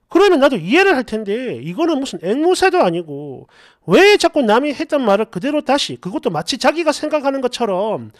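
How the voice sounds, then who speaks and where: Animated woman storyteller, dry close voice. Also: high voice, no echo. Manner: animated storytelling, acting out quoted lines. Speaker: story channel narrator. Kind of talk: reading online posts aloud as a story.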